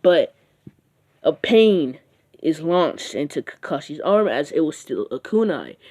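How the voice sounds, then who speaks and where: A casual fan storyteller rambles through an imagined plot, often restarting sentences and leaning on fillers. The voice has a mellow, darker tone at a middle pitch. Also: big pitch swings, a little slow.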